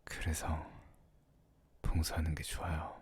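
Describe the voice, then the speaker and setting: A man playing a devoted, obedient, teasing young servant lover in a whispered ASMR role-play, speaking in an intimate, deferential murmur with a husky low voice. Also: level tone, measured pace, full character voice. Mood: hushed whisper.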